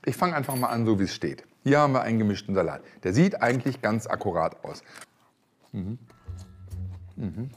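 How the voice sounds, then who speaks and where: Soft music plays behind a chef in his fifties as he samples dishes in an indoor vaulted restaurant cellar for his restaurant show. His voice sits on the low side with lively intonation; he talks briskly and frankly, reacting out loud, with long pauses in this reality TV commentary.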